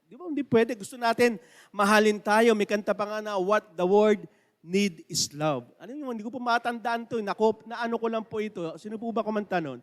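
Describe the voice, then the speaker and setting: Male pastor preaching in a church, kind of high voice, big long reverb from the hall, chatty and keeps asking the crowd questions. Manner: conversational preaching, asks the congregation questions. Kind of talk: sermon. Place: church sanctuary.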